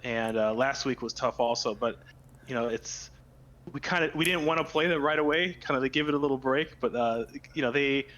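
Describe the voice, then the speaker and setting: A man with an ordinary mid-pitched voice talks over a match in a casual interview. He speaks haltingly, with lots of fillers, and stays easygoing throughout. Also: fairly bright tone, dull audio. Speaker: team player interviewed after match.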